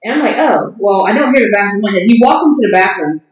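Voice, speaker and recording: A young woman telling a funny story on a podcast, animated and laughing often. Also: mid-range voice, fast talker. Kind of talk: casual comedic storytelling. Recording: echoey room.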